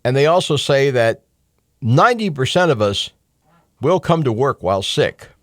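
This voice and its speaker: In a radio studio, a middle-aged American man talks into a close microphone, offering a folksy, opinionated monologue punctuated by emphatic asides. His mid-range voice is very animated at a normal speed, with studio-quality sound and no room tone.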